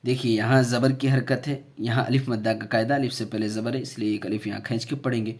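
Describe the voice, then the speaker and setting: A man teaching Quran reading, spelling out syllables slowly and loudly, then explaining quickly in a softer voice. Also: mid-range voice, steady tone. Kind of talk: slow spelled-out recitation lesson.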